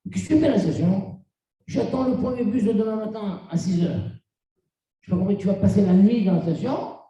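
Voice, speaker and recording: A middle-aged man from Tunisia, a rabbi giving a sermon as an animated storyteller who acts out the dialogue. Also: high-pitched, highs cut off. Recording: very echoey room, mic far off.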